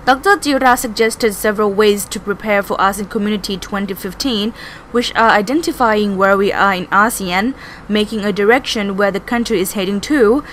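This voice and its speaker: A woman's voice: mid-range voice, fairly bright tone, a little hiss or hum. A woman with a Thai accent reading scripted news narration as a reporter.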